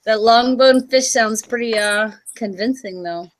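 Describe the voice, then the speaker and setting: A woman's voice: on the high side, a little slow, a little hiss or hum, rough recording. A woman from Virginia with a Southern US drawl, chatting casually as a podcast regular. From Virginia, USA. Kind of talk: casual chat.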